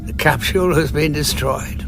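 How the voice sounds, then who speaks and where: An actor playing a weary, guilt-ridden warrior with a bitter conscience in an audio drama, grave and brooding. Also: male voice, fairly high pitch, normal speed, music in the background, close to an everyday voice.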